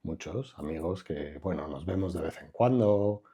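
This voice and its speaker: Low and husky, with lively intonation and a warm tone, the voice belongs to an older architect from Madrid, Spain. As a guest in a relaxed conversational interview, he speaks reflectively and without hurry, letting thoughts trail off with fillers.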